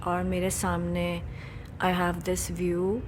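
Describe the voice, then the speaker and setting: Over a noisy background, a young adult woman narrates her art college week for her vlog, speaking casually in English mixed with Urdu, her native language. Her voice sits lowish, the pace is a bit quick, and her delivery is completely flat.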